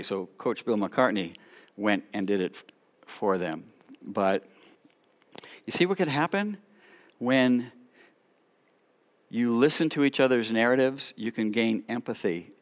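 Animated storytelling rabbi, man. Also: mid-range voice. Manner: animated storyteller, drops to quiet asides. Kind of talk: storytelling talk to a congregation.

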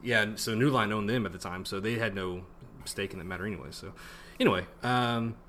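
A man co-hosting a casual podcast, laid-back and hesitant, filling pauses with ums. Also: lowish voice, a bit bright, slight background noise. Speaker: podcast co-host. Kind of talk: casual chat.

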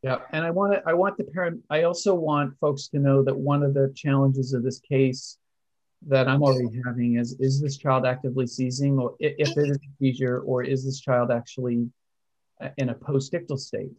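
A man of middle pitch leads an online case discussion, setting up questions for the panel. He explains things patiently and deliberately, like a teacher talking to early learners. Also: little pitch movement, darkish tone. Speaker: panel moderator.

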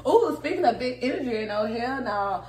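A woman's voice: fairly high pitch, lively intonation, fairly quick, a little mellow, roomy sound. A woman co-hosting a podcast in casual chat, joking, laughing a lot and swearing freely. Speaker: podcast co-host.

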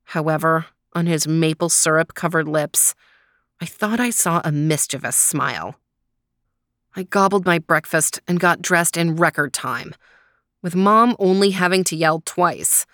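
Middle-aged woman storyteller, slow and gentle; dry, close sound with no room. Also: lowish voice, no echo. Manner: calm, gentle, drawn-out reading. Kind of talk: reading a children's story aloud.

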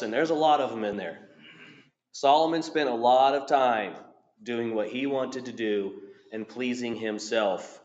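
A man preaching a sermon and reading scripture in a measured, steady way, sounding a little under the weather with a cold. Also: lowish voice. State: has a cold. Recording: echoey, slightly muffled church recording.

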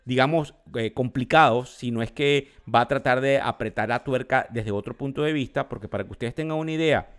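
A man's voice: medium pitch, brisk, few pauses, smooth. Venezuelan man giving market commentary. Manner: explanatory, addresses listeners directly, defines terms. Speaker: market news host.

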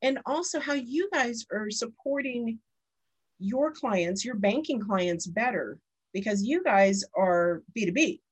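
A woman's voice: on the high side, animated, a little slow, husky. Chatty woman in her fifties, podcast host. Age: 50s. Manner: chatty and storytelling. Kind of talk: casual podcast interview.

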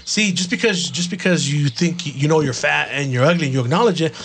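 A man's voice: fairly high pitch, brisk, a bit bright, slight background noise. A man chatting casually in a group, blunt, slangy and profane, often putting himself down and repeating himself.

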